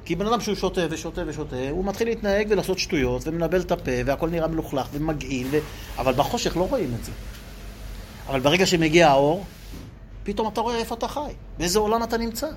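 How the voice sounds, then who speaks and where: A man giving an animated Torah lecture, asking rhetorical questions and acting out quoted voices for his listeners. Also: a little high, slight background noise. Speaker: religious teacher.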